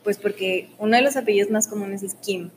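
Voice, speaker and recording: A young woman, answering interview questions in a soft, filler-heavy casual way. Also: mid-range voice, a little fast, slight background noise, poor audio. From Mexico. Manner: soft-spoken, uses many fillers like "o sea" and "como que".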